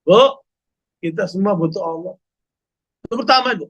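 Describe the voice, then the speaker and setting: A man preaching to a women's study group, animated and full of rhetorical questions, often calling out to his listeners. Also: high voice, moderate pace. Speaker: Islamic preacher.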